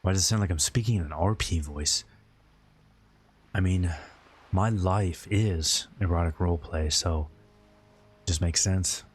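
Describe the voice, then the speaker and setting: A man with a deep, husky voice hosts a game livestream, chatting casually and rambling as he answers viewers' chat. He speaks at a measured pace with long pauses.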